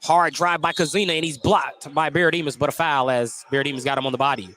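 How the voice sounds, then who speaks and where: An American man calls a basketball game play-by-play on live radio from an indoor school gym mid-game. His voice sits on the high side, bright and forceful, delivered fast with fairly even intonation. The broadcast is noisy, full of gym sounds and bouncing basketballs.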